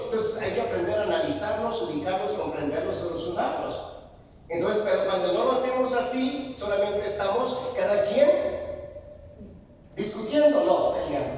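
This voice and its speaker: A man preaches with lively, emphatic rises in a slightly high voice. He is picked up from across a big echoing hall. Faint room noise sits under his words. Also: recorded from a distance. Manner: animated, addresses congregation as brothers, rising emphatic pitch. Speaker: pastor and psychologist. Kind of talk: sermon. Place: church hall.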